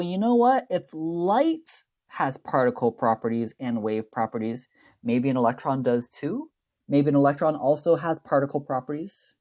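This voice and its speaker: This chemistry instructor has a fairly high, slightly mellow voice. In his recorded lecture he rambles over the slides, frequently tacks on tag questions, corrects himself partway through sentences, and plays down the math.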